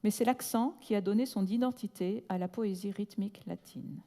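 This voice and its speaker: A woman delivers a prepared academic lecture in a large hall, her mellow, darker voice carrying a long reverb tail. She reads in a measured, deliberate way and slows right down to spell out technical terms. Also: mid-range voice. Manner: breaks off with brief asides in English. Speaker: conference speaker.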